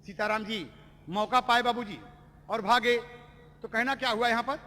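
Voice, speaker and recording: A man's voice: very high-pitched, steady tone, moderate pace, bright, forceful tone. A man with a Bhojpuri accent performing dramatic Birha folk storytelling, addressing listeners in a declamatory way. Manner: declamatory, addresses audience as babuji. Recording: echoey stage recording with music. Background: music.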